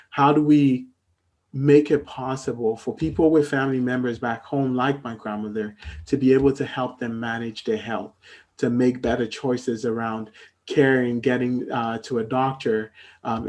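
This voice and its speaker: A man from Ghana who founded a company, answering interview questions in a measured way with frequent pauses and restarts. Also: medium pitch, a little mellow. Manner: measured, many fillers and restarts. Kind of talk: interview conversation.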